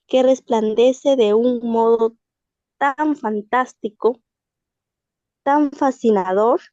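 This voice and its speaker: A woman student reading a literary text aloud in class, halting and restarting on hard words. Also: fairly high pitch, mellow, dry recording, muffled recording. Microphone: video call.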